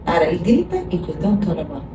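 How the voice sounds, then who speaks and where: A woman explains child behavior with patient, practical examples. She sits well back from the microphone in an echoey room, with steady noise behind her. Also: fairly low pitch, very fast. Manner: explains patiently, acts out parents' scolding. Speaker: child psychologist guest. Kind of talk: conversational explanation. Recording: echoey room, far from mic, noisy.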